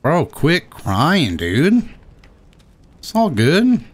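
Excitable, sweary male game streamer. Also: fairly high pitch, extremely slow, breathy edge. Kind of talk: casual, joking live game commentary. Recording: faint game noise behind. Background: horror game audio.

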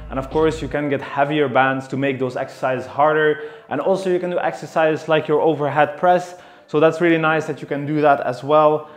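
A young man in his twenties giving a detailed, explanatory product review of home gym equipment, recorded indoors on a camera mic at mid distance. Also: a little high. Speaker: fitness reviewer. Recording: echoey room with faint music.

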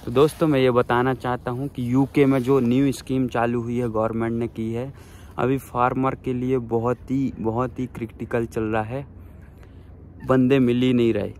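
Outdoors beside an overcast waterfront town, a vlogger in his thirties gives job advice into his phone at arm's length, earnestly encouraging the viewers he addresses as friends. He talks at normal speed in a mid-range, slightly mellow voice that stays fairly flat, with some background noise audible.

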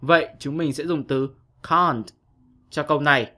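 A male English teacher reads a scripted online lesson, patient and methodical with young pupils. His voice sits a little high and rings bright and forceful. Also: moderate pace.

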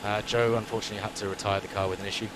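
A man with a fairly low voice speaks as a race engineer over race car radio. He gives briefings and instructions, with clear vehicle noise on the transmission. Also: little pitch movement, rapid-fire. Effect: team radio transmission.

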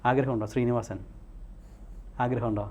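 Man leading a slow hypnosis session. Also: mid-range voice, steady tone, a little mellow, muffled recording. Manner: repetitive soothing commands, slow counting.

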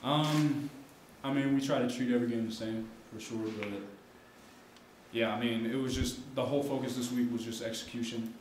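A young man, a college linebacker, answering post-game questions quickly, saying "I mean" often. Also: mid-range voice, a little hiss or hum. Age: young adult. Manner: quick, flat, peppered with "I mean". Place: press room with logo backdrop. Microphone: table mic.

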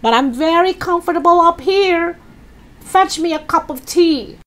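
A high, shrill old grandmother from a children's storybook. She is spiteful and boastful, scolding at the top of her voice. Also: measured pace. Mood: haughty, doubting. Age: older. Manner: scolding, shouting.

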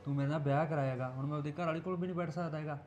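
A man's voice: on the high side, steady tone, very fast, roomy sound, very noisy, natural voice. A young man from Punjab playing an easygoing husband who defends his wife, coaxing and placating. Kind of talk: amateur village drama acting.

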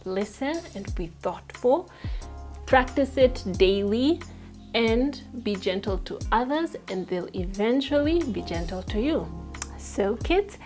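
Brief: female Sunday school teacher, lively storyteller, higher voice, light music behind. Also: slow pace. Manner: animated storytelling, asides to kids. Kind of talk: children's Bible lesson.

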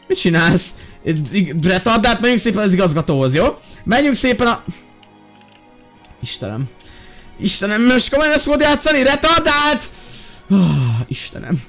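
Exasperated high-voiced young man gaming. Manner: exasperated, yelling and pleading, frequent exclamations. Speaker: gaming YouTuber playing a teacher. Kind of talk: Minecraft role-play commentary.

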